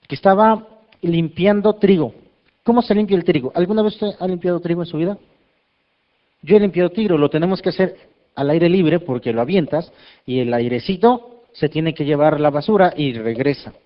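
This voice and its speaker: Male pastor, fairly high voice, animated joking sermon, dull lo-fi recording. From Mexico. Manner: lively, asks the congregation questions, self-mocking humor. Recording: dull lo-fi sound.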